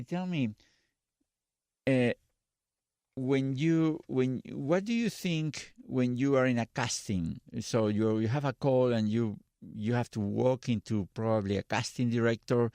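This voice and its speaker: A man's voice: mid-range voice, mellow, dry recording, clean studio sound. Spanish-speaking man hosting an interview. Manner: searching for words, asking in short restarts. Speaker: podcast host. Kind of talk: casual interview.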